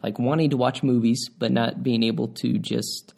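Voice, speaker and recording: A man's voice: mid-range voice, steady tone, moderate pace, gravelly, a little mellow, husky. A young man co-hosting a podcast, chatting casually and joking, with frequent fillers as he trails off. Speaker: podcast co-host. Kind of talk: casual chat.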